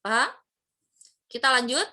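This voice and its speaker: A woman's voice: high voice, lively intonation, a little slow, pushed and bright. A woman teacher giving an online lesson to her class, explaining patiently with many fillers and rhetorical questions.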